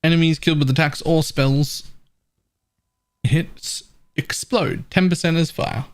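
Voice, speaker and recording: A man with a fairly high voice chats his way through a live game stream. He talks casually, thinking aloud and explaining why he made each choice as he goes. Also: steady tone, unhurried. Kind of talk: casual live gameplay commentary.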